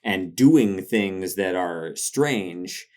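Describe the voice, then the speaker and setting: Low-voiced hesitant male co-host. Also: expressive, very slow, darkish tone. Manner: hesitant, many restarts and fillers. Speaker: podcast co-host. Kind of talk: casual chat.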